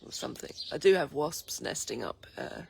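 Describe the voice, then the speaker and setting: With a bass, croaky just-woken voice, a sleepy Lincolnshire vlogger greets her live viewers from the garden at a moderate pace, rambling relaxedly and saying um a lot. The outdoor phone camera audio has loud birdsong, a light breeze and a little hiss or hum.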